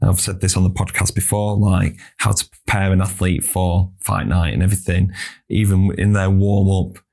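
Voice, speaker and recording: Deep, flat-toned podcast host. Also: male voice, moderate pace, gravelly. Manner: reflective, advice-giving, repeats words as he thinks. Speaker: podcast host, sports scientist and S&C coach. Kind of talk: casual podcast chat. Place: podcast studio.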